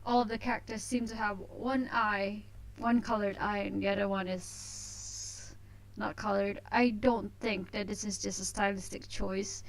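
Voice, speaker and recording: A woman with a mid-pitched voice hosts a game playthrough in a casual, chatty style. She talks hesitantly and a little self-consciously, as if feeling her way through each thought. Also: steady tone, measured pace, low-quality recording. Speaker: host of a visual novel let's play. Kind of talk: casual let's play chat with read-aloud narration.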